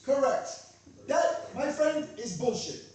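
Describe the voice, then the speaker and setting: High-voiced, echoey man with Queens accent, ranting. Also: very animated, slow, darkish tone. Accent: Queens New York. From Queens, New York, USA. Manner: emphatic, repetitive, punchy phrases with rhetorical questions. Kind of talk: animated, profane comedic rant. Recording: very echoey room, distant mic.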